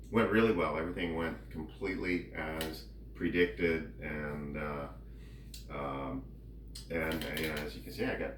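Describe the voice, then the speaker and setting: Low-voiced man chatting casually, roomy sound. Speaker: vlogger giving a personal health update. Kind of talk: casual chat. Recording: roomy, distant mic, faint background noise.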